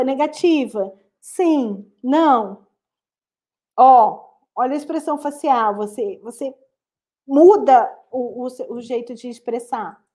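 A woman with a Brazilian Portuguese accent speaks in a high, warm voice. She's a guest lecturer teaching a live online class over a video call, talking straight to her students in an earnest, explanatory way.

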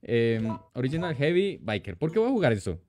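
A man hosting a gaming livestream, greeting chat with lively, slangy, playful banter. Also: mid-range voice, fairly quick. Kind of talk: casual live-stream chat greeting viewers.

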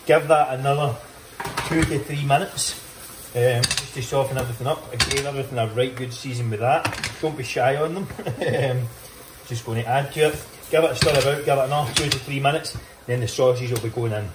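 A young man, a fitness vlogger, chats at a medium pitch and fairly quick pace while walking through a meal-prep recipe in his home kitchen, with a noisy background. He's upbeat and loose, swearing freely, filming on a phone at arm's length. The kitchen echoes and faint clicks are audible.

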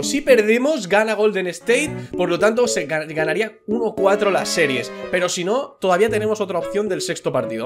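A man giving excitable gameplay commentary, often shouting and laughing at big plays. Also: high-pitched. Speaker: gaming youtuber.

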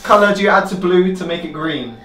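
A man's voice: high voice, lively intonation, fairly quick, fairly bright tone, far from the mic. A man in his twenties hosting a casual quiz and reading out questions. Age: 20s. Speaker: quiz host. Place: small tiled bathroom, indoors. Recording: echoey bathroom, off the mic, music.

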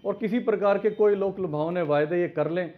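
A man speaking as an opposition panelist on a televised political debate, forceful and combative. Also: high-pitched, fairly quick. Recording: tinny phone-line connection.

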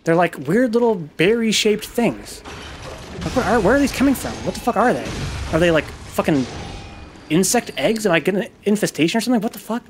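A man talks over his gameplay in a loose, rambling way, swearing freely and poking fun at himself as the story wanders along. His voice sits a little high for a man. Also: expressive, fairly quick, a little hiss or hum. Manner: rambling, profane, self-deprecating storytelling. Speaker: gaming video host. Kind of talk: casual gameplay commentary with storytelling.

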